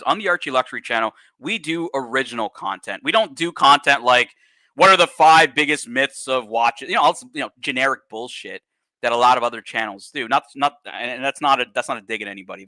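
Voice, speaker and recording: A male host talks casually and bluntly on a livestream, cursing freely and breaking into animated asides. His voice has a bright, forceful edge. The sound is dry and close, with little room echo. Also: mid-range voice.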